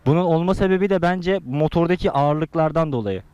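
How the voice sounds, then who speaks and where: Fast-talking young man vlogging inside a helmet. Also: a little high, darkish tone, clean tone, no room sound, highs cut off. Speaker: motorcycle vlogger. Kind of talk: casual motovlog chat and commentary.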